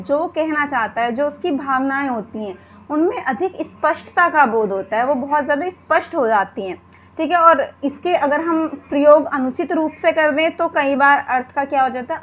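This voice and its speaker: A woman gives a Hindi grammar lesson for exam preparation, posing questions and answering them herself while repeatedly using "ठीक है" as a filler. Her voice is high-pitched with a fairly bright tone.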